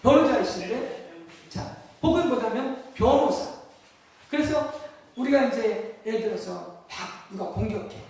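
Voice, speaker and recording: A man's voice: very high-pitched, lively intonation, measured pace, darkish tone. A man preaching a sermon in a church hall, asking the congregation questions and answering them himself. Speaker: pastor. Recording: echoey hall, mic far off.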